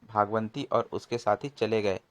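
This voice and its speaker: A man narrating a comic folk tale in a brisk, expressive storybook manner. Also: lowish voice, dry recording.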